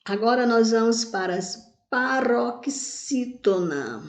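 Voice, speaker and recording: A woman's voice: a little high, animated, takes it slowly. A woman teaching grammar, stretching words out syllable by syllable and answering her own questions. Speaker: Portuguese teacher. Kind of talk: grammar lesson. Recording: echoey room.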